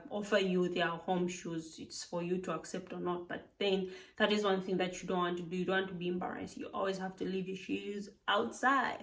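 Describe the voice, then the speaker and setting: Woman, casual vlog talk, chatty and emphatic, a bit far from the mic. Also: medium pitch. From Zambia. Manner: chatty, frequent "like" fillers, emphatic. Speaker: vlogger living abroad.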